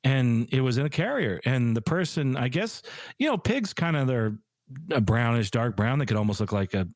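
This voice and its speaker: A man spinning an anecdote as a podcast guest, animated and quick to laugh. His voice sits at an ordinary middle pitch. It is recorded close and dry, with no room sound. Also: no echo. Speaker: airline pilot and podcast guest. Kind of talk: casual storytelling interview.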